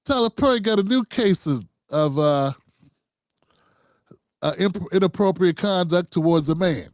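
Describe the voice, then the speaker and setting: A man with a high voice hosts a casual political commentary show at a measured pace, recorded dry in studio quality. He swears freely, rambles, and refers to his viewers as "fam."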